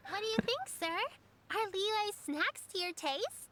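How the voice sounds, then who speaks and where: A woman's voice: very high voice, animated, a little slow, very noisy. A woman voicing a polite, caring little girl in a video game, who speaks in a formal, motherly way. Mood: hospitable. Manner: formal, motherly, well-mannered.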